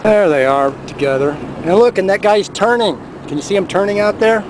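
Outdoors by the road and later in a car, a man films the sky and keeps up a casual, amused commentary, chatting and pointing things out. His voice sits high and moves at a normal speed. The handheld camera mic gives noisy outdoor audio, with traffic and other outdoor sounds behind him.

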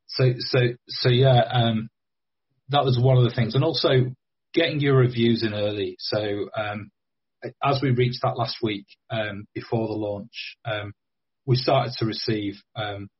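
Husky-voiced man, hesitant. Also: on the low side, fairly even intonation, a little slow. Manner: hesitant, many ums and restarts. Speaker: game creator, podcast guest. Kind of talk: casual interview chat. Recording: dull lo-fi remote audio.

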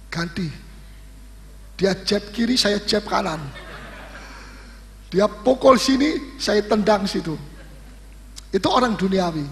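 Gravelly high-voiced preacher in a hall. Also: male voice. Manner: lively, teasing, questions the congregation. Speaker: pastor. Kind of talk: sermon. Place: church hall. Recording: echoey hall recording.

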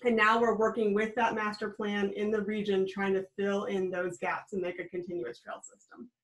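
The audio is poor for this medium-pitched American woman in her thirties, whose voice barely moves in pitch as she talks at normal speed. She's a regional trail program director interviewed over webcam, explaining in a friendly, upbeat way from a small home room.

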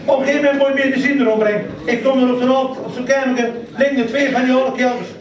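A man's voice: extremely high pitch, steady tone, very fast, background noise. A man with an Overijssel Dutch accent doing a carnival stand-up monologue, telling jokes as a first-person story and acting out each line of dialogue. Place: large hall with a live audience. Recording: echoey hall from far off, dull, audience laughter.

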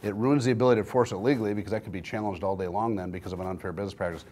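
A man's voice: fairly low pitch, steady tone, a little mellow. A man hosting a live panel debate in a large room, pressing his points and cutting in often. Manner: fast, pressing, interrupts. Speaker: event host.

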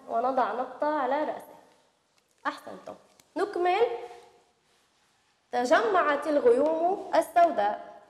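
High-voiced woman teaching children letters. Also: a little mellow, roomy sound, long reverb tail. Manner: slow, drawn-out spelling of sounds. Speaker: first-grade Arabic teacher. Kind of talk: children's reading lesson.

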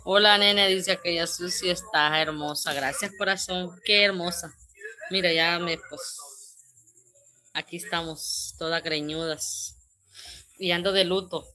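Slow, bright Salvadoran woman streaming live. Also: lowish voice, steady tone. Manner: reads each comment aloud, then answers it with pet names. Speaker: livestream host. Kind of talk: live stream, reading viewer comments aloud.

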